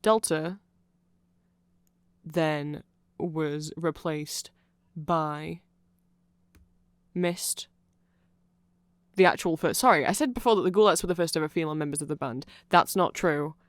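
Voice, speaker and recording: Here the host speaks in a mid-range voice, unhurried and pausing often, on a dry recording. It's a loose, meandering ASMR explainer about a band's lore, delivered with geeky, talkative self-corrections, like a devoted fan addressing the listener.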